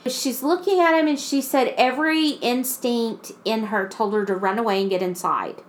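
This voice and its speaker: A woman co-hosting a podcast, telling a creepy story in casual chat with drawn-out, restarting phrases. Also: a little high. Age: adult mother. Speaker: podcast co-host.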